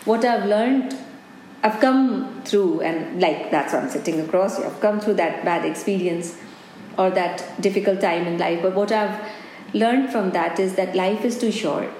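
This Indian woman in her forties, a business owner with an Indian accent, reflects earnestly on interview questions, often saying "you know." She talks unhurriedly in a medium-pitched, darkish voice, recorded in a roomy space with faint ambience and a little hiss or hum.

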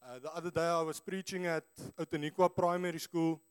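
A man with a broad South African accent, a native Afrikaans speaker, preaches informally to a church congregation in an earnest, conversational way. His voice is on the high side, with a flat delivery, a brisk pace, and a clean tone.

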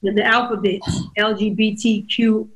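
A woman's voice: mid-range voice, moderate pace, muffled recording. A woman co-hosting a podcast, talking bluntly and profanely in a casual, opinionated rant. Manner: blunt, profane, animated ranting. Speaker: podcast co-host.

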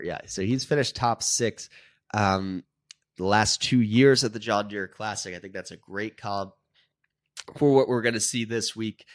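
A man's voice: on the low side, fairly bright tone, no echo, clean studio sound. A man who is sick, hosting a golf betting show in a loose, casual monologue full of ums. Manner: loose, filler-heavy talk with frequent ums. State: sick, under the weather. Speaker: golf betting podcast host.

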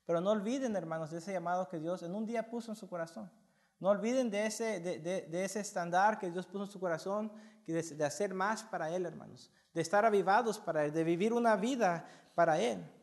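A man's voice: high-pitched, brisk. A man preaching a sermon to his congregation, impassioned, repeating words and putting questions to his listeners. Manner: impassioned, repeats words, rising loudness, asks the audience questions.

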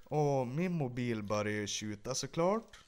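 A man co-hosting a podcast, telling lively stories and acting out shouts. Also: medium pitch, clean tone. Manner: animated anecdotes, acts out shouting. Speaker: podcast co-host. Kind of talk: casual chat, storytelling.

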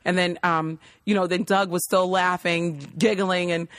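A woman's voice: lowish voice, steady tone, normal speed, fairly bright tone, no echo. Woman in her thirties, candid storyteller, casual chat, dry close sound. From Wisconsin.

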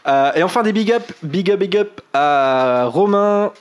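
A man's voice: sits high, a little slow. Chatty man co-hosting a fan podcast. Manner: chatty, relaxed, full of fillers and restarts. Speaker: podcast co-host. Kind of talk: casual podcast chat.

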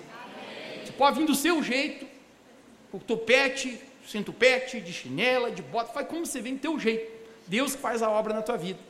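A male pastor, preaching a lively sermon and joking with the congregation in a church hall. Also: extremely high pitch. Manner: animated, joking storytelling with the congregation. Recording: echoey hall, live church sound.

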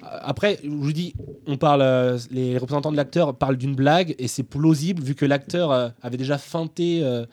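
A man's voice: mid-range voice, fairly quick, darkish tone. A young man presenting a film segment in a casual student show, hesitant and full of fillers. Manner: hesitant, filler-heavy delivery. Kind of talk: casual chat.

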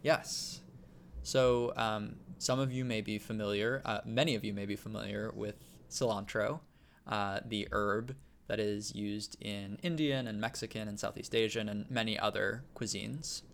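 A man hosting a casual podcast and explaining things in a relaxed way, with frequent ums. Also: on the low side, measured pace, gravelly, a little hiss or hum. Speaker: podcast host. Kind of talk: casual chat.

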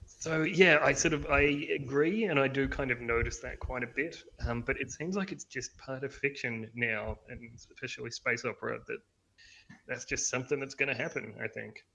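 A man's voice: mid-range voice, normal speed, creaky, pushed and bright, slight background noise. A man co-hosting a casual review podcast, hedging and restarting often with lots of fillers. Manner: hesitant, many fillers and restarts, self-deprecating. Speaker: podcast co-host.

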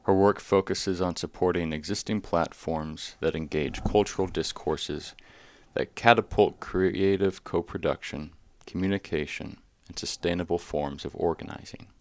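A man introducing a guest with a measured, formal introduction before moving into an interview. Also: low voice, steady tone, a little mellow. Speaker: host and moderator.

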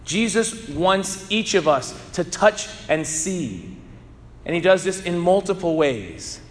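A man preaching as a priest, reading the gospel slowly and then preaching earnestly, his voice ringing with cathedral echo in a large church. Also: high voice, sing-song. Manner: slow, measured reading that turns earnest and emphatic in preaching. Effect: cathedral echo, long church reverb. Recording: echoey church with long reverb.

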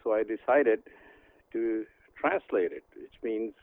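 An older man from India, a guest author, talking by phone in a halting way with many pauses and restarts. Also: fairly low pitch, creaky, no echo. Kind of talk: phone interview. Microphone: telephone. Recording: tinny phone line.

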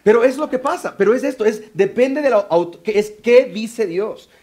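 A high-voiced man with a Mexican Spanish accent preaching to a church congregation. He is lively and joking, slipping into other people's voices to make his point. His delivery is animated and quick to turn. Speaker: pastor and biblical counselor. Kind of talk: sermon.

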